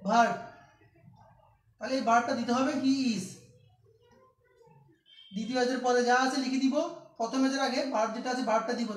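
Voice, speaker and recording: Man from Bangladesh teaching grammar, high-pitched, recorded from afar in a roomy space. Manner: repeats key steps, asks students questions. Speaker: English teacher. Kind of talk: classroom grammar lesson. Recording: echoey room, distant mic.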